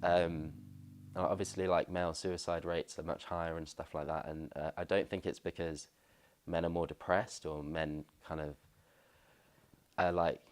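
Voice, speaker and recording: A man's voice: deep voice, flat delivery, normal speed, soft background music. A man giving a casual, tentative opinion in a documentary interview, full of fillers.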